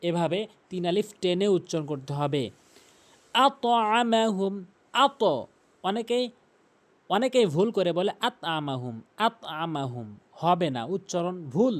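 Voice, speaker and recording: Here a man's voice sits high and sounds slightly mellow as he teaches tajweed pronunciation. He points out frequent errors, then recites example words in a long, chanted style, going over each sound several times.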